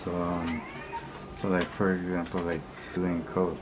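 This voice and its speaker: A male vlogger delivers a casual opinion monologue to viewers in a low, monotone voice, rambling in blunt street slang. He's halting and repetitive, often backtracking and circling back to the same points. The recording is clearly noisy, with background ambience around his voice.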